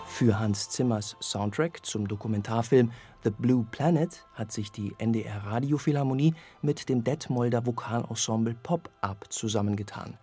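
A man reading a scripted radio review of an orchestral album in a measured, evaluative way. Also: mid-range voice, mellow, slightly rough, soft background music. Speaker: music critic.

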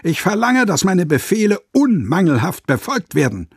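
A man's voice: high voice, very animated, moderate pace, breathy edge, no room sound, clean studio sound, pitched above the performer's own voice, heavily acted. A man voicing a fussy, scolding master shoemaker in a radio fairy tale reading, raised and lecturing. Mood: indignant scolding.

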